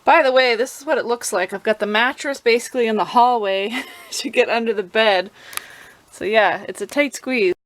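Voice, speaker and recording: A woman's voice: fairly high pitch, moderate pace. A woman vlogger giving a laid-back, informal how-to explanation, chatting casually to the camera. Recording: clear background noise and ambience.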